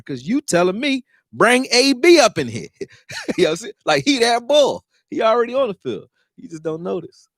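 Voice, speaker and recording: Philly dude on a football livestream, cussing, gets hyped then mumbles, dry close mic. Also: male voice, dry recording. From Philadelphia, raised; born in Texas. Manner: loose and profane, swings between excited and low mumbling. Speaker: sports talk host. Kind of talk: casual live-stream sports talk.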